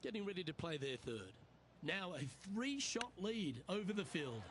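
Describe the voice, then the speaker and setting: A man's voice: high voice, very animated, normal speed. A man working as lead golf commentator, calling play-by-play for a video game broadcast. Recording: loud crowd and ambient noise behind. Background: golf crowd and outdoor ambience.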